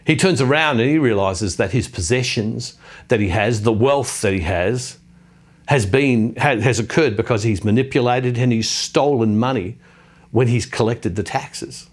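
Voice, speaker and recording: A middle-aged man gives an earnest, reflective sermon on scripture, repeating his phrases and putting questions to his listeners. His voice is medium in pitch and his speed is normal.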